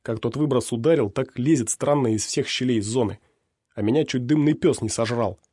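A man voicing a tall skinny male stalker who jeers and shouts in an audiobook. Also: medium pitch, normal speed, husky, no room sound, clean studio sound, natural voice. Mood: grudging. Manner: jeering, shouting.

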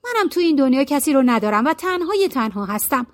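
Woman playing a gentle elderly male music master in a folk tale; soft, caring delivery. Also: high voice, big pitch swings. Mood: kindly. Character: kind gentle old bearded male music teacher.

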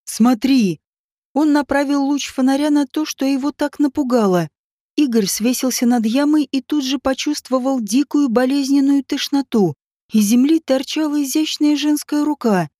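A woman narrates a story in a steady, even manner. Her voice sits a little high yet sounds mellow and soft-edged, recorded close and dry with no room around it. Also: normal speed, no echo. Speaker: audiobook narrator. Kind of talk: scripted narration.

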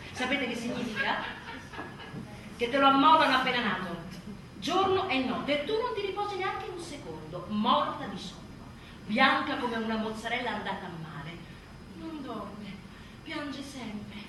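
A raw, sarcastic new mother at the end of her tether, her high voice leaping all over. She snaps between shouting and bitter near-whispers. The sound is caught from far off and rings through a very echoey space. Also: noisy background. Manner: biting, sarcastic, swings from shouting to hushed. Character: exhausted, furious new mother, sardonic and raw. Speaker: stage actress. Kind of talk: theatrical monologue. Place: theatre stage. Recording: very echoey stage recording from afar.

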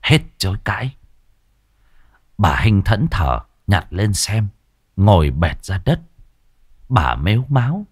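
Male narrator, lower voice, lively dramatic story reading, dry recording. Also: slow, pauses often, slightly rough, no room sound. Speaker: audiobook narrator.

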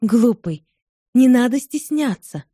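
A woman reading as a passionate young woman of twenty-one, speaking eagerly and with emphasis, higher than her narrating voice. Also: lively intonation, takes it slowly, warm tone, no echo, studio quality. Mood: ardent.

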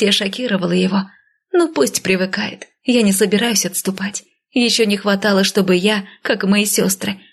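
Woman reading a fantasy audiobook in first person, husky gravelly voice, lively, whispers some lines. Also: medium pitch. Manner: lively, voicing a headstrong heroine, with whispered lines. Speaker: audiobook narrator.

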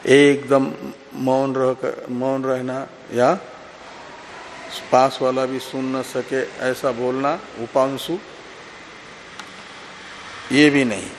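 Very slow-speaking monk teaching scripture. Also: male voice, medium pitch, a little hiss or hum. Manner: slow, deliberate, poses questions and answers them. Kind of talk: scripture discourse.

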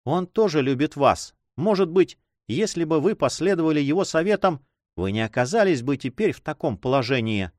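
A man's voice: a little high, lively intonation, a little fast, a little mellow, no room sound, studio quality, voice pushed up, close to an everyday voice. A man voicing an anxious, pleading noblewoman who runs an inn, in a raised voice in an audiobook. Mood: urgent. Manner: insistent, pleading.

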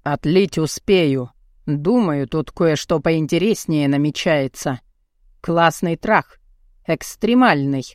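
A woman narrating an audiobook performs a burly, bearded, gruff man's dialogue in a low, slow, darkish voice. He comes across as brazen and lecherous, bluntly mocking and giving orders, and the sound is close and dry with no echo.

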